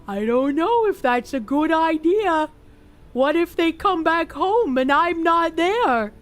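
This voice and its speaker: A woman's voice: very high-pitched, lively intonation, slow pace, exaggerated voice. A woman voicing an anxious, dim young man who has been left alone, talking in a frightened, pleading ramble. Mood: scared, pleading.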